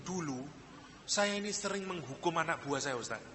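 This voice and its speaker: A man with a Javanese accent voicing a remorseful former army officer who speaks softly and pleads. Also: a little high, lively intonation, moderate pace, in a large hall, background noise, lightly acted.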